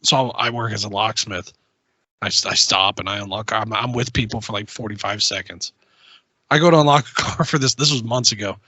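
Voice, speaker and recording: A man co-hosting a podcast, telling his own stories in lively, casual chat with laughs. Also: on the low side, a little fast, breathy edge, no room sound. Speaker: podcast co-host.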